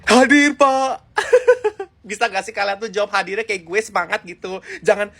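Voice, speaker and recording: A woman's voice: medium pitch, sing-song, moderate pace, creaky, husky. A young woman performing a comic school skit, switching between several schoolgirl voices. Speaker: comedy creator. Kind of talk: one-person school skit. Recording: loud music bed.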